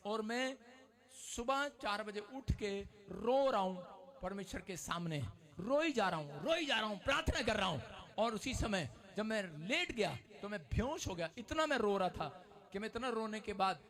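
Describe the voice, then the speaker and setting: High-pitched, fervent male preacher. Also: lively intonation, normal speed. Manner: emotional, often shouting and climbing in pitch. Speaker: pastor. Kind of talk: sermon.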